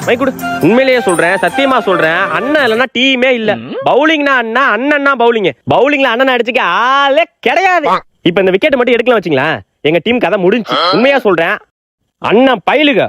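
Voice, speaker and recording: A woman performs short comic skits, jumping between characters with a scolding, teasing edge. Her voice sits high and swings widely in pitch. Music plays clearly underneath. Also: expressive, a little fast, fairly bright tone, no echo, clean studio sound. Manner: switches voices for each role, scolding and teasing. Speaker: comedy sketch performer.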